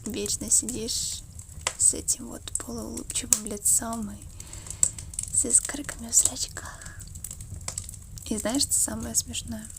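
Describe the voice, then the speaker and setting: A woman's voice: on the high side, steady tone, vocal fry. Intimate whispered role-play, tender woman. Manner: intimate, tender, slow murmur drifting between whisper and soft voice. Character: affectionate, wistful girlfriend murmuring by the fireside. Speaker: ASMR role-play performer.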